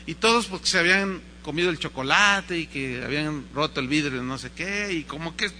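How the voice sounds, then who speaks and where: A man with a Mexican accent preaching a sermon, telling a story in a lively way and acting out the voices. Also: on the high side, fairly quick, slight background noise. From Mexico, Guadalajara. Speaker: pastor.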